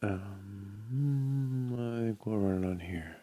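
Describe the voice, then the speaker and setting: Working from a room at home, an older programmer running a live coding session mutters and muses to himself in casual think-aloud commentary. His voice is on the low side, slow and mellow, captured in a dry recording.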